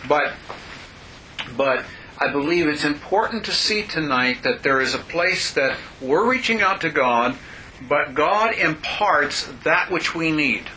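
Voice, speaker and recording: A man's voice: fairly high pitch, bright, forceful tone, slight background noise, low-quality recording. A man leading a group discussion, earnest and emphatic, preaching his points. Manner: earnest, emphatic, addresses others by name. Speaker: discussion leader.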